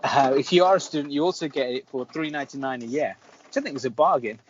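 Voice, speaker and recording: A man co-hosting a casual podcast chat, upbeat and quick to laugh as he prompts his partner. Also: mid-range voice. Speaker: podcast co-host. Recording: dull lo-fi with faint noise.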